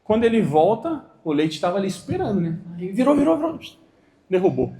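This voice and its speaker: A man's voice: high voice, fairly quick. A Brazilian man giving an internal corporate training talk to a room, acting out little dialogues as he goes. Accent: Brazilian Portuguese. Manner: animated, acts out dialogues.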